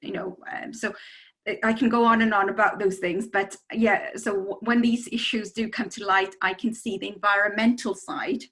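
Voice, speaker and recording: Middle-aged woman on a video call panel, rambly, lots of ums, medium pitch. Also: vocal fry, fairly bright tone, rough recording. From Bangladesh. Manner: rambling, with many ums and you-knows. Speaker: city councillor. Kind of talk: panel discussion.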